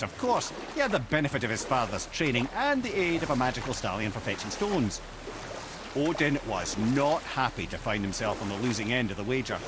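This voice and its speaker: A male actor with a medium-pitched voice plays the witty talking head of a wise old storyteller in a video game, speaking eloquently and theatrically with wry asides. There is background noise.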